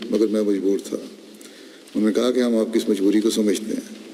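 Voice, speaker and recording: A man delivers a Friday sermon, unfolding a story at a slow, measured pace. His voice is mellow and dark. It rings with the long reverb of a large hall. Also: medium pitch. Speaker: preacher. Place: mosque.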